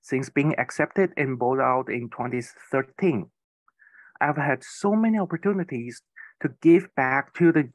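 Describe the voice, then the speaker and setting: Slow, careful man giving a keynote. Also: fairly high pitch, no echo. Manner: slow, careful storytelling with occasional slips. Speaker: keynote speaker. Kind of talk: prepared speech.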